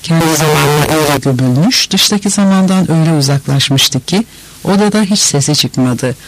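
Male audiobook narrator, slightly high pitch, measured and expressive delivery. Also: rough recording.

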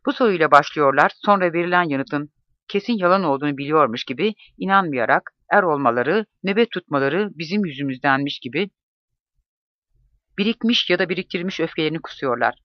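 A man narrating a first-person memoir in a measured, reflective reading. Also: on the high side, lively intonation, dry recording. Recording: dull, dry close-mic recording.

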